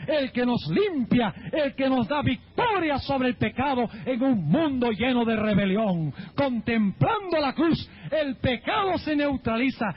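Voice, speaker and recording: Husky, high-pitched man preaching dramatically. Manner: dramatic preaching, swooping pitch, acts out quoted voices. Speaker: pastor. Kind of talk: sermon. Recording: dull lo-fi recording.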